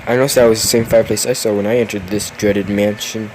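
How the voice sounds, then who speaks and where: A man's voice: fairly low pitch, little pitch movement, fast, a little mellow, a little hiss or hum, rough recording. A tired young man reading a spooky story aloud, yawning, with chatty asides and the odd curse. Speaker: story reader.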